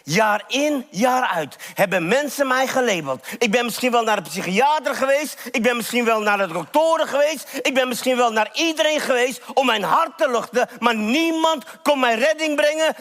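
A man's voice: very high voice, expressive, moderate pace, few pauses, fairly bright tone, voice pushed up. A man preaching in Dutch voices a desperate blind male beggar, crying out with passion and pleading to be heard. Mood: yearning. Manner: impassioned, crying out. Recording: reverberant hall.

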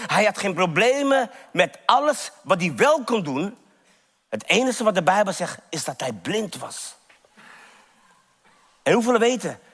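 A man's voice: a little high, fairly bright tone. A man preaching a sermon in Dutch, telling the story with drama and lots of emphatic repetition. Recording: reverberant church hall.

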